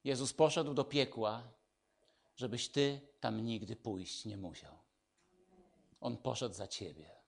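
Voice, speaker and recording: A man preaching a sermon, swinging between loud declarations and hushed, intimate lines. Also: medium pitch, slow, vocal fry, long pauses.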